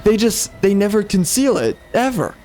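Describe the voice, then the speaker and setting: A man streaming a video game with casual, slangy commentary and halting asides. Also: sits high, big pitch swings, a little mellow, soft background music.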